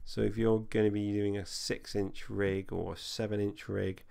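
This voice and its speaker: A man's voice: fairly low pitch, level tone, moderate pace, vocal fry, warm tone. A man chatting casually on a live stream as he builds a racing drone, answering viewer questions while he works.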